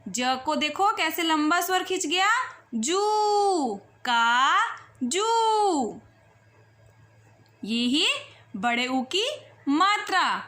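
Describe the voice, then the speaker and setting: A woman teaching young children a Hindi phonics lesson, saying each sound slowly and clearly and urging them to repeat after her. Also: very high voice, big pitch swings, fairly bright tone. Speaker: primary school Hindi teacher.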